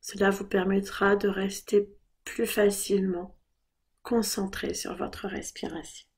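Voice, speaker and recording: A woman with a medium-pitched, soft and breathy voice leads a guided body scan meditation. She gives her instructions gently and calmly, never rushing.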